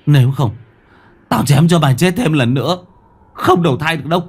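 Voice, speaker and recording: A man's voice: on the low side, lively intonation, unhurried. A man playing a frightened, stammering young man. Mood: furious shouting. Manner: stammering, then shouting threats. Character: frightened young man guarding his home.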